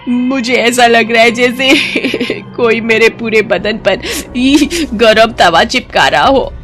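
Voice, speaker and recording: A woman voicing a bullying older mother-in-law in an animated horror story, with a commanding, scolding delivery. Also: mid-range voice, a little slow, close to an everyday voice. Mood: frightened.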